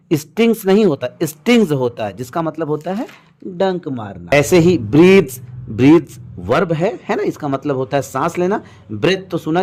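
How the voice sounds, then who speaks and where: A man with a slightly higher voice gives a patient pronunciation lesson. He works through lists of words one at a time and corrects the usual mistakes as he goes. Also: a little mellow. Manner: patient, drills word lists slowly with corrections. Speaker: English pronunciation teacher. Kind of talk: explanatory lesson.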